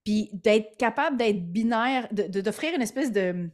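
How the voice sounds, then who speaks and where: A young woman with a Québécois French accent, a guest entrepreneur on a podcast, talking quickly and emphatically with frequent laughs and restarts. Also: mid-range voice, expressive, darkish tone. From Quebec, Canada. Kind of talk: podcast interview.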